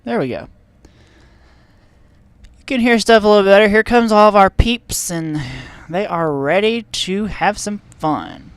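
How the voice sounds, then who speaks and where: A man's voice: high voice, unhurried, pauses often, clear, resonant tone, no echo. Chatty man streaming from a headset. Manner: rambling, chatty, many fillers and restarts. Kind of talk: casual game stream commentary. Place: home room with a heater.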